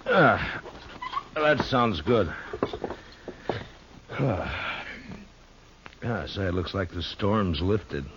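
Deep-voiced frontier Marshal Matt Dillon. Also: male voice, big pitch swings, a bit bright, slight background noise, full character voice. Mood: easy, tired. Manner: grave, terse, deliberate. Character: stoic, weary, tough frontier marshal. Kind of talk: 1950s radio western acting with first-person narration. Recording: muffled vintage radio recording with music.

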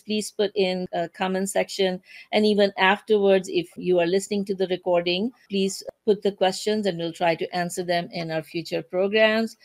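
A woman's voice: medium pitch, darkish tone. Woman hosting a weekly online talk. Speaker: host.

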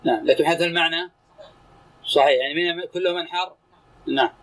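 This man, with a fairly high and slightly bright voice, teaches in the role of a sheikh. He comments on texts and questions a student briskly and tersely, both asking and answering in short, clipped phrases. Audio quality is poor.

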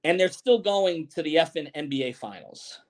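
A man's voice: on the high side, expressive, normal speed. A man in his forties hosting a sports podcast. He reads viewer comments and speaks bluntly and emphatically, with some swearing. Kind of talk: live-streamed sports podcast chat.

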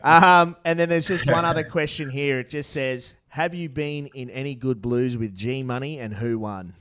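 A man's voice: mid-range voice, normal speed, fairly bright tone, smooth. A man with a broad Australian accent hosting casual banter in a blokey, slangy way. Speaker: podcast host.

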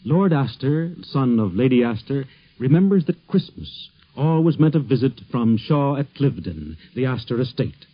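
A man narrating a radio documentary in a formal, measured way, on a dull 1950s radio recording. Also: medium pitch, very animated.

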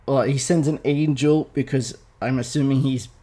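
A man's voice: mid-range voice, steady tone, normal speed, dark tone. A young man casually retelling a story to his viewers in an irreverent, profane, chatty way. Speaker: vlogger.

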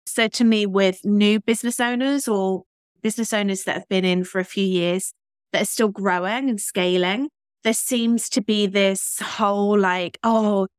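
A woman's voice: mid-range voice, fairly even intonation, normal speed, clean tone, no echo, studio quality. A woman hosting an interview podcast, chatty and encouraging toward her guest. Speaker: podcast host.

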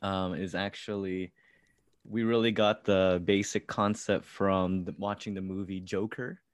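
A man's voice: sits low, flat delivery, unhurried, no room sound, studio quality. A man who grew up in California and is a songwriter, giving casual interview answers with many fillers and restarts. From born in the Philippines, grew up in California. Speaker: musician, songwriter.

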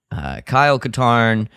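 A man with a medium-pitched, fairly bright, smooth voice speaks slowly with big swings in pitch, recorded dry and clean in a studio. Co-hosting a podcast, he chats casually and jokingly while recapping and critiquing a radio drama with some exasperation, mimicking the characters' lines.

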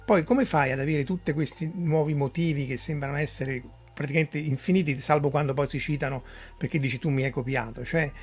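A man with a somewhat higher voice hosts a casual conversation. He asks curious questions, often hesitating and restarting mid-phrase. Faint music lingers in the background. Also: steady tone, brisk, few pauses, darkish tone, breathy edge. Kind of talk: casual chat.

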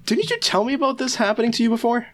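A man's voice: very high-pitched, sing-song, very fast, a bit bright. A young man chatting casually as a podcast co-host, with crude, teasing, swear-heavy frat-bro slang. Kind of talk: casual chat.

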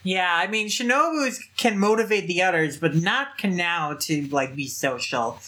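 Bright, lively podcast panelist. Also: medium pitch. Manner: animated, acts out characters' lines in quick put-on voices. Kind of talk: casual chat about an anime.

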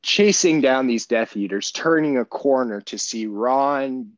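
A man's voice: medium pitch, measured pace, no echo, muffled recording. A man co-hosting a casual podcast, retelling a story in a profane, rambling way with many restarts. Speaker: podcast co-host.

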